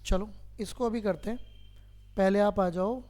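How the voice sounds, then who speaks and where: A man's voice: high voice, steady tone, a little slow, a little mellow. A man teaching a math lesson to a class, who keeps quizzing his students and patiently repeats each step.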